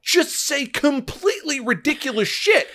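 A man's voice: extremely high pitch, very animated, moderate pace, bright, forceful tone, a little hiss or hum. A man in his thirties co-hosting a podcast, explaining comic lore with enthusiasm and casual swearing. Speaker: podcast co-host. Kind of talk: casual chat about comics.

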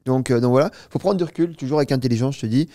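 A man's voice: mid-range voice, no echo, clean studio sound. A man in his twenties, a startup founder and guest, telling a story at length in a casual interview, with lots of fillers and "you see". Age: 20s. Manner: fast, animated, filler-heavy storytelling with many "tu vois".

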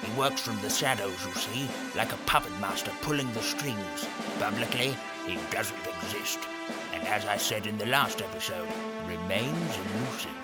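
An actor playing a pompous, genteel secret agent in a theatrical, hammy stage manner, in a scripted comic audio drama. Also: male voice, lowish voice, normal speed, loud music behind the voice, close to an everyday voice. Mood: grave, formal.

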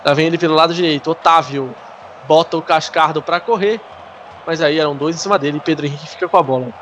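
A Brazilian man gives live play-by-play of a football match. His voice sits fairly high, with faint stadium noise behind it. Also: quick pace, a bit bright. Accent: Brazilian Portuguese.

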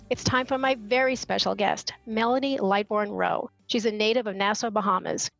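A woman's voice: fairly high pitch, no room sound, poor audio. A woman hosting a radio interview show in an upbeat way, reading her introductions with care.

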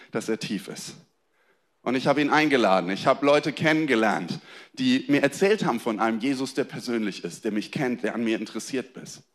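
Dynamic male preacher addressing a congregation. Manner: dynamic, swings between soft low emphasis and raised excited lines; addresses the congregation directly, calls for amen and applause. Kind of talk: sermon. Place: church hall before a congregation.

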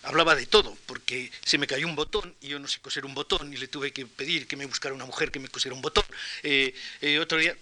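An older man from Spain with a Castilian accent, giving an academic lecture in a measured, anecdotal way with pauses and restarts. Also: medium pitch, steady tone, pushed and bright, a little hiss or hum. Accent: Castilian Spanish.

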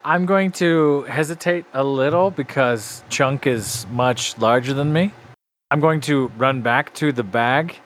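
A man player in a tabletop game, talking in an excitable, playful way. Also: medium pitch, a little slow. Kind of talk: casual tabletop game chat.

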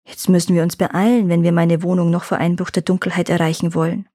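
Woman reader doing a grumbling giant elk guardian; husky, slightly deeper, dry. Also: flat delivery, fast talker, dark tone, no room sound, natural voice. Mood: calm. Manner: grave, warning, grumbling. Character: big gentle stern male elk, protective.

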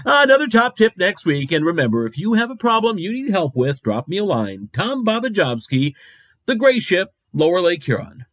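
An actor playing a cranky, darkly comic radio host presenting a late-night show in a deadpan, muttering manner. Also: male voice, sits high, normal speed, no echo. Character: marooned eccentric male radio agony uncle, cranky, darkly comic.

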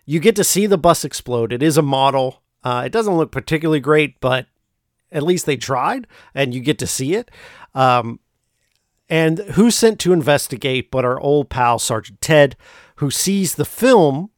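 A man with a slightly high voice talks in a very dry, close recording. He recounts things casually, in a halting, rambling way, like a host walking listeners through a story. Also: no room sound. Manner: halting, rambling delivery with pauses mid-phrase. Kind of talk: casual film plot recap.

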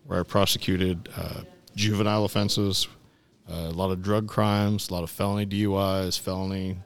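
Casting: middle-aged male interview guest, attorney type, lowish gravelly voice, conversational delivery. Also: level tone, normal speed.

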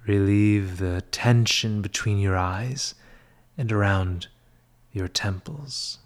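With a fairly low voice, a man talks listeners through a guided meditation in a gentle, breathy, half-whispered spa tone. The pacing is calm and measured, and long pauses fall between his short phrases.

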